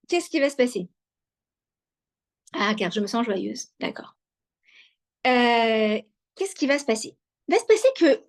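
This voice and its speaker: A high-pitched woman lecturing to a live online audience over a video call. She speaks directly to her listeners and repeats key ideas. She often hesitates and restarts a sentence. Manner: warm, repetitive, addresses listeners directly. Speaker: lecturer on wellbeing.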